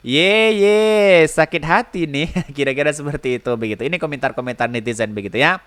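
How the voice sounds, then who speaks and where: A man's voice: medium pitch, fast talker, a bit bright. A man hosting a solo political podcast, chatty, chuckling often as he reads out viewer comments.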